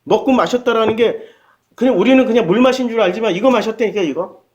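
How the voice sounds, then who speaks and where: Male pastor, high voice, folksy sermon style, keeps throwing questions at the pews. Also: fast, darkish tone, dull audio. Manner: colloquial, peppers congregation with rhetorical questions.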